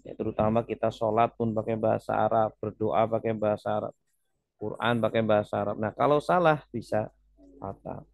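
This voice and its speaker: A man's voice: lowish voice, dry recording. A man teaching Quran reading in a webinar. He tags his points with "ya" and stretches out the Arabic words he recites as examples.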